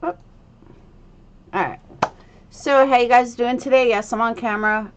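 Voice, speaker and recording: A woman's voice: on the high side, fairly even intonation, moderate pace, slight background noise. A woman hosting a casual livestream commentary, speaking bluntly with a slight lisp from a retainer in her mouth. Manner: blunt, opinionated, profane. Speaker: livestream host.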